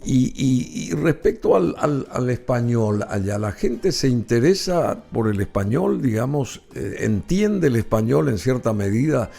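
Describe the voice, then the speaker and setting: A man's voice: mid-range voice, animated, measured pace, creaky, hardly any pauses, mellow. A man hosting an interview, asking long, hesitant, rambling questions. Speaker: interviewer host.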